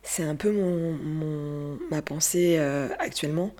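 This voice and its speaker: A woman guest speaking reflectively in an interview, pausing often and searching for her words. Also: deep voice, dark tone. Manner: hesitant, searching for words with many pauses.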